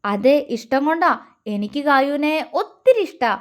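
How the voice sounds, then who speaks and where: A woman's voice: sits high, very animated, moderate pace. A woman voicing a young man with a childlike mind who is stubborn and sulky, speaking in a pleading, childish, insistent way. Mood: coaxing.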